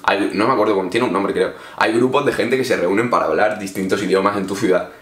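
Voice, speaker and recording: A man from Spain talks straight to his viewers in a loose, chatty vlog, handing out informal advice. His voice sits low. The room around him is echoey. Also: steady tone, fast talker, a bit bright. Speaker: English teacher vlogger. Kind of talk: casual advice talk to camera.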